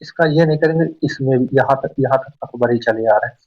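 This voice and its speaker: A man gives a quick, informal exam-prep lesson, often putting a question and then answering it himself. He sits a little back from the mic, and the recording sounds muffled and lo-fi. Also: mid-range voice, darkish tone. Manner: fast, chatty, often asks and answers own questions. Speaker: exam coaching teacher. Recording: dull, slightly distant mic.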